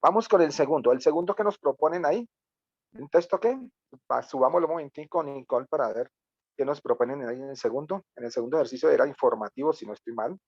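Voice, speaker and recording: A man's voice: mid-range voice, quick pace, darkish tone, breathy edge, no echo, lo-fi sound. A man teaching a radio workshop over a video call, giving loose, talkative feedback and acting out lines as examples. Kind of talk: online class feedback.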